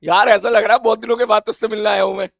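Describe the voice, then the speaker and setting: Male teacher from India, hoarse, high and gravelly, chatty warm-up talk. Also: flat delivery, racing, no echo, highs cut off. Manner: chatty, repeats greetings, laughs often. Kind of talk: casual chat before an online class.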